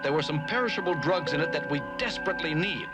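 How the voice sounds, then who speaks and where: An actor playing a steady starship captain in a seventies television cartoon, authoritative and clipped. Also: male voice, a little high, quick pace, natural voice. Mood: negotiating. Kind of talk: 1970s animated television acting. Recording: old TV soundtrack with loud music.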